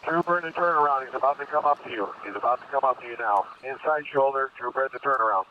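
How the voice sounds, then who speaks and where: A man's voice: medium pitch, fast talker. A man on police radio giving terse running location updates while tracking a pursuit. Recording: tinny police radio with faint static.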